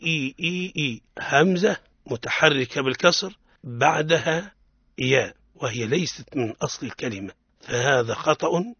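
A man's voice: on the high side, bright, forceful tone, slightly rough, dry recording. Man teaching Quran recitation on radio. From Tunisia. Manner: explains pronunciation errors, then models the correct form. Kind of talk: radio tajweed lesson. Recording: dull lo-fi radio sound.

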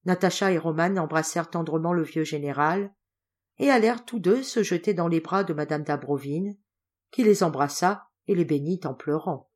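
A woman reading a classic novel aloud as an audiobook narrator, measured and clear. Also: on the low side, a little mellow.

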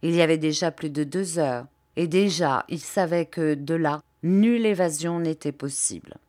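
A woman reading a novel aloud in a measured, expressive narration. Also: low voice, dry recording, studio quality. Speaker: audiobook reader. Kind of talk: scripted narration.

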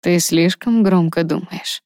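A woman's voice: no echo, clean studio sound. A woman doing Ignis, a velvety old dragon. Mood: amused. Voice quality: velvety voice with a soft rasp. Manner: slow, low and measured. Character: ancient noble male dragon, calm and honest.

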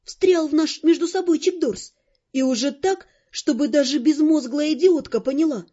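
A woman narrating an audiobook in the first person, lively and expressive, over faint music on a dull lo-fi recording. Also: high-pitched, normal speed.

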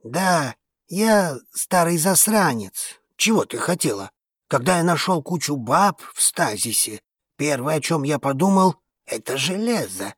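A woman putting on a husky, gruff old man. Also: sits low, very animated, unhurried, dry recording, clean studio sound, voice pushed down, heavily acted. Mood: cynical. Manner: surly, blunt and dismissive. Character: gruff cynical old male space trader.

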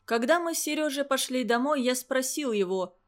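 A woman reads a story aloud in steady audiobook narration. Her voice sits a little high. She moves through the scenes at an even storytelling pace. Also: normal speed.

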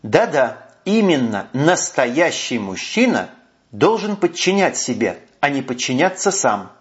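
Male reader playing a languid, ironic young woman, slow drawl, dull lo-fi audio. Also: medium pitch, sing-song. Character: cool ironic young woman, auburn-haired. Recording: muffled lo-fi audio.

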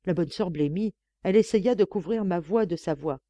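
A woman narrating a novel for an audiobook in a measured, expressive way. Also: on the low side, no room sound. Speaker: audiobook reader.

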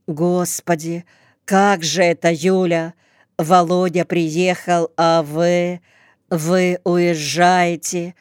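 A woman reading a gentle, reproachful mother. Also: on the low side, extremely slow, clear, resonant tone, dry recording, studio quality. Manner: reproachful, calming. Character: middle-aged mother, gentle but reproachful.

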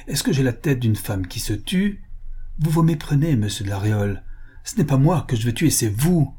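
A man voicing a fierce, scornful young countess in an audiobook, with sharp, contemptuous retorts. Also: mid-range voice, animated, normal speed, slightly rough. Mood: furious.

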